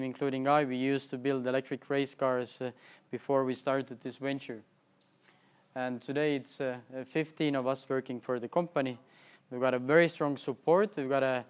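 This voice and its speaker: A man from Estonia, speaking with an Estonian accent, gives a conference presentation in a halting way, with many fillers and restarts. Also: mid-range voice, clear, resonant tone. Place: festival presentation hall.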